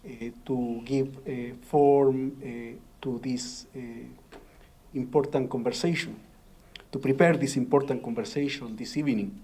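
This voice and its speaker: A man moderating a panel discussion, speaking haltingly with many filler sounds. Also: mid-range voice, steady tone, dark tone, husky.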